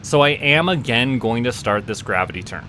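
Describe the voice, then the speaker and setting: A Canadian VTuber streamer chats with viewers during a casual gaming livestream, rambling and tripping over repeated words. His medium-pitched voice is expressive and sharp at normal speed, with a little hiss or hum in the audio.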